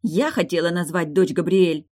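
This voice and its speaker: A woman's voice: lowish voice, moderate pace, darkish tone, voice pushed up, natural voice. A woman voicing a pregnant young princess in an audiobook, sweet on the surface and commanding underneath. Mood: sweetly bossy. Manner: sugary but commanding.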